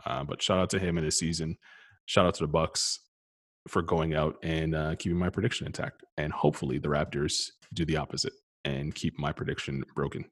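A man hosting a casual sports podcast, relaxed and prone to repeating words and restarting. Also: very deep voice, brisk. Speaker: podcast host.

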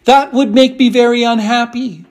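A man voicing a timid, fragile young china princess who speaks delicately and slowly. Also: extremely high pitch, fairly even intonation, voice pushed up. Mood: prim. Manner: frightened, pleading, slow and delicate.

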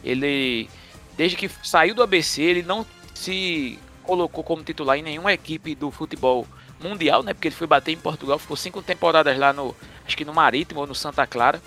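A man talks football casually on a podcast. His voice is bright and a little high, and he pauses to search for words. Faint music sits behind him. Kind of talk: casual sports discussion.

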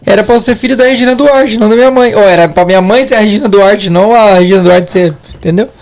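A laid-back man with a Brazilian Portuguese accent hosts a casual podcast chat. His voice sits high, and his talk is easygoing and full of slang. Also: fast talker, darkish tone. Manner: laid-back, chatty, says 'velho' and 'mano'. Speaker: podcast host.

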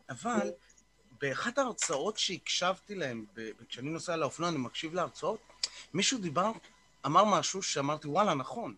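A man hosting a morning online group session on a video call, talking informally in a coaching style and leading a short guided meditation. He often repeats words and fills pauses with "uh.". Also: fairly high pitch, bright, forceful tone, a little hiss or hum.

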